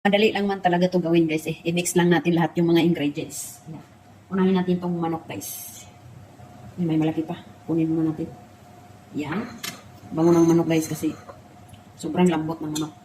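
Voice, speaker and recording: A woman's voice: deep voice, little pitch movement, fairly quick, pauses often, warm tone, a little hiss or hum, rough recording. A middle-aged woman chatting with her viewers while she cooks. She tells stories from her past, laughing and tearing up as she talks. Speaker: cooking vlogger. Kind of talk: casual cooking chat and personal storytelling.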